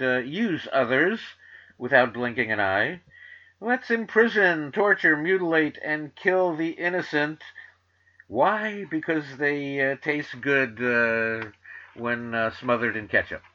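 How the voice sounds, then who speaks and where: A man's voice: mid-range voice, lively intonation, takes it slowly, pushed and bright. A middle-aged man from New York with a New York accent, hosting his own radio talk show in a rambling, sardonic monologue full of filler uhs. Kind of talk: casual monologue. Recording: dull lo-fi sound.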